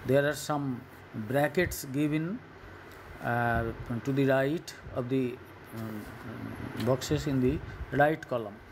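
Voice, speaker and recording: A man's voice: mid-range voice, extremely slow, noisy background. A man teaching an online school English class with a Bengali accent, explaining word meanings step by step in English and Bengali. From West Bengal, India. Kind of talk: recorded online class lesson.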